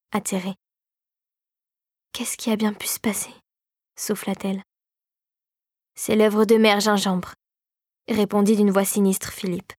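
A woman narrating a storybook in an expressive way, with a scripted read. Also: a little high, no room sound, clean studio sound.

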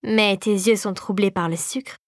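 A woman voicing a bitter, scheming old female regent in a storybook reading, speaking slowly and low. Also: fairly even intonation, dry recording, clean studio sound, natural voice. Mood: insinuating.

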